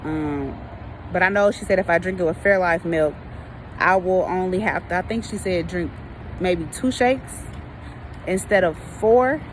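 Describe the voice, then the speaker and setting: Low-pitched American woman vlogging casually. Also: measured pace, a little hiss or hum, low-quality recording. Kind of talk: casual chat to viewers, rambling.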